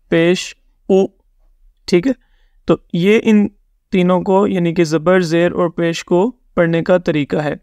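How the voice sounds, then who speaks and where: A man with a fairly high, smooth and clean voice teaches a beginners' reading lesson. He sounds dry and close, without room echo. He is patient, repeats every rule, checks in often and sounds out each example slowly, mixing English words into his explanations. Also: a little mellow. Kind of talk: step-by-step recorded lesson.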